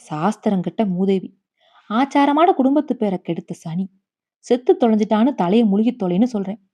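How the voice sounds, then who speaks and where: A woman voicing a rigid, orthodox middle-aged son in a story. He talks curtly and shouts through clenched teeth. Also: mid-range voice, measured pace, natural voice. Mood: angry.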